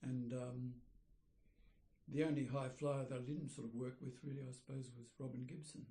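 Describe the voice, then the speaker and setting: Older aussie guy rambling about old times, mellow low-key voice, echoey room. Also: little pitch movement, normal speed. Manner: rambling, searching for names. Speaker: architect interviewee. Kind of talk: reminiscing interview.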